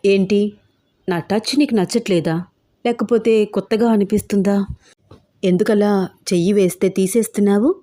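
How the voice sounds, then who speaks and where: A woman voicing a possessive, menacing male gangster who talks in a smooth, wheedling way. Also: mid-range voice, steady tone, moderate pace, long pauses, dark tone, natural voice. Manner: smooth, wheedling then threatening.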